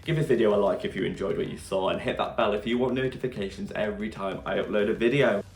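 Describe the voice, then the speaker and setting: A man in casual, enthusiastic reaction-video chat, sharing his opinions straight to camera. His voice sits a little low with a gravelly edge. The room gives it a noticeable echo. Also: fairly even intonation, fast talker, a little hiss or hum. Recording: roomy echo.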